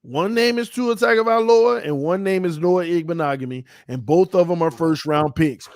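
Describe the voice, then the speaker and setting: A man hosting a fan talk show, fired up and shouting as he rants. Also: high voice, normal speed, no echo, clean studio sound. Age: 30s. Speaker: fan channel host.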